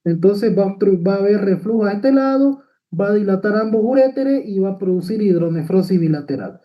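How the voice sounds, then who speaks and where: A man's voice: high-pitched, animated, brisk, muffled recording. A man giving a medical lecture over slides, explaining step by step with frequent tag questions and fillers.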